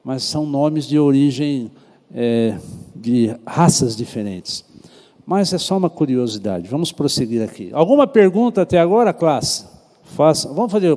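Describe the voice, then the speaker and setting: Teaching a church Bible class, a pastor with a Brazilian Portuguese accent speaks in a fairly high, mellow, unhurried voice. He keeps it conversational, repeatedly putting questions back to his Sunday school students, and a long reverb suggests a large church hall.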